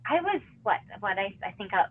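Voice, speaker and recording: A woman's voice: medium pitch, very animated, breathy edge. A woman in her thirties speaks over a thin, phone-like line. Her speech halts and restarts often, and she sounds on the edge of tears. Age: 30s. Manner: halting, many restarts and fillers. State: tearful. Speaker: interview guest, former gymnast. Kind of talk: emotional personal interview.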